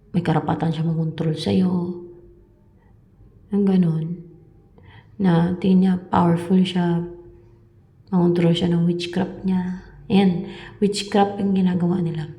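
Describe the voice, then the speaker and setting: Woman rambling about spirit stuff to her viewers, gravelly low voice, slips into whispers, roomy echo. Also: dark tone. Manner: meandering, repeats herself, drops to whispers. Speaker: spiritual reader. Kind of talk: casual spiritual talk to viewers.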